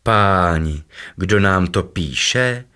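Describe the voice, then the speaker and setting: A man voicing a small male creature with a thin, squeaky little voice in a children's story. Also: animated, sharp tone, clear, resonant tone. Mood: eager.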